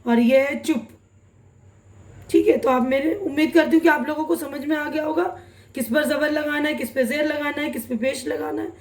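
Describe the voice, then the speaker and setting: A young woman teaching an online language lesson, reading example words slowly and deliberately and often checking that her students follow. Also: high voice, steady tone, a little mellow, echoey room. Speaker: Urdu teacher.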